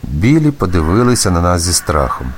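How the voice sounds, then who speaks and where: A male narrator reads a first-person adventure story. His voice sits on the low side yet moves through a wide, lively range. A faint background hiss runs under the reading. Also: fairly quick.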